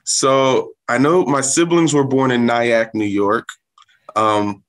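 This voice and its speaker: A man of about thirty from South Florida, who grew up speaking Haitian Creole at home, answers interview questions earnestly with plenty of "um" fillers; his first language is Haitian Creole or French. A Salvation Army corps officer appearing as a guest, he has a mid-range, slightly bright voice, a steady tone, and a slow pace.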